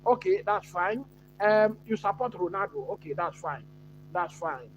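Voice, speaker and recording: A man from Ghana hosting a live football watch-along, chatting casually and answering viewers with many pauses and fillers. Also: high voice, expressive, muffled recording, soft background music. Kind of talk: live stream football chat.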